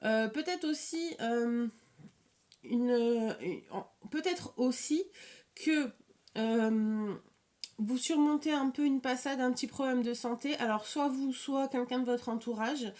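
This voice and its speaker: A woman with a slight lisp and slushy s sounds gives an informal, improvised card reading as an oracle reader, haltingly repeating and rephrasing her words. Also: fairly high pitch, darkish tone.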